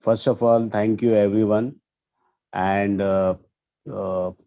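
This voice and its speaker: A man's voice: on the low side, level tone, takes it slowly, dry recording. A man from India calling into a webinar, speaking hesitantly with many fillers. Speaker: webinar caller. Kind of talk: call-in remarks. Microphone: video call. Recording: dull lo-fi dry call audio.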